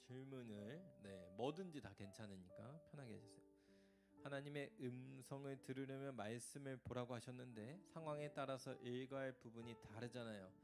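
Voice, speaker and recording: A man leads a youth church Q&A as pastor, explaining in a relaxed, chatty manner. He keeps asking whether his young listeners understand. Soft music plays faintly behind him. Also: mid-range voice, normal speed. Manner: keeps checking that listeners follow; acts out short quoted voices and examples. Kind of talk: casual teaching in a Q&A session.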